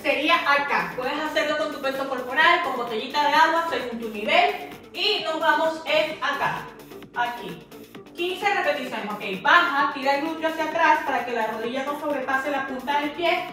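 A fitness instructor calls out exercise cues and counts reps aloud in short, encouraging commands. Her voice sits high with a sharp tone and a moderate pace. She's far from the mic in an echoey room, with music in the background.

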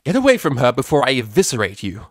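Brief: a man doing a proper young pony cellist, bossy and scolding, a touch higher, dry close sound. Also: animated, moderate pace, a little mellow, no echo, lightly acted. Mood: furious. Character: prim determined young female cellist pony. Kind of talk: audiobook character voice.

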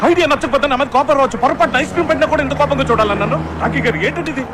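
A man's voice: very high-pitched, very fast, over loud music. An actor playing a hesitant, meddling male sidekick in a comedy film, repeating himself and teasing. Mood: defensive. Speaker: director's sidekick. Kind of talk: comic film dialogue. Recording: street traffic noise behind.

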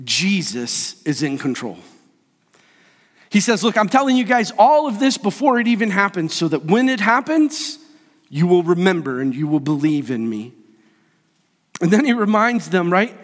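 High-voiced pastor guy preaching, playful, acts stuff out, church echo. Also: moderate pace. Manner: animated, playful, acts out scenes in funny voices. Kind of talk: sermon. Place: church sanctuary.

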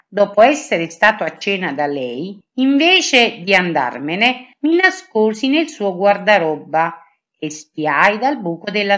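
Slow, expressive woman reading a story. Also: medium pitch. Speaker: storybook reader. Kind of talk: reading a children's story aloud.

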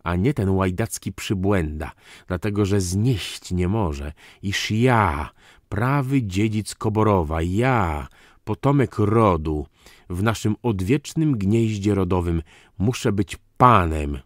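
A man reading an audiobook voices a proud, unstable aristocratic count who bursts out in indignant, theatrical shouts. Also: low-pitched, expressive, slow, dry recording, clean studio sound. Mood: bitter. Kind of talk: audiobook character voice.

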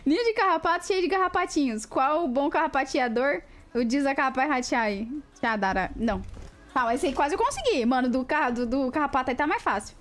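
A woman's voice: high voice, expressive, fairly quick. A woman with a Brazilian Portuguese accent chatting casually on a live stream, playful and giggly, greeting viewers by name and laughing as she trips over tongue twisters.

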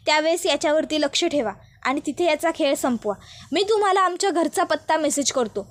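A scheming young man barking blame and orders, as a woman storyteller reads his lines. The voice stays high. The delivery is flat and commanding. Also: close to an everyday voice. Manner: blaming, commanding. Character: scheming angry young man plotting a killing.

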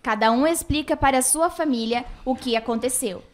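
High-voiced woman narrating a radio soap. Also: moderate pace.

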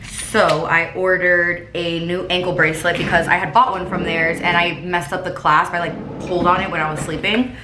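A woman's voice: fairly low pitch, flat delivery, moderate pace, hardly any pauses. A young adult woman with a lisp and whistling s sounds, chatting casually as a vlogger at home into a camera mic. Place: rooms inside a house. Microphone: camera mic at about arm's length. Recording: echoey room with clear background noise.

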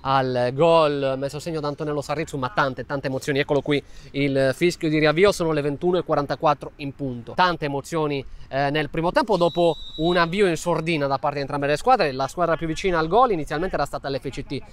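A man commentates live on a football match. His voice is smooth and resonant, and he follows the play move by move in a running play-by-play. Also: on the high side, fairly quick, hardly any pauses.

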